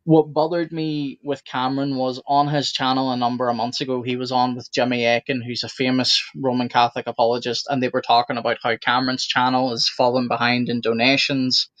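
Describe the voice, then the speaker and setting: A man co-hosting a casual discussion, giving his honest opinion frankly and deliberately over a remote call. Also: medium pitch, little pitch movement, fairly bright tone, no echo. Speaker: podcast co-host. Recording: dry, dull lo-fi call audio.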